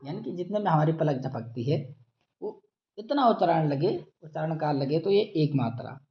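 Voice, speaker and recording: A male Sanskrit grammar teacher giving a slow lecture, chanting rules and then explaining them, and stretching vowels out to show their length. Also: on the high side, expressive. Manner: drawls out vowels to demonstrate length. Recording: dull lo-fi audio.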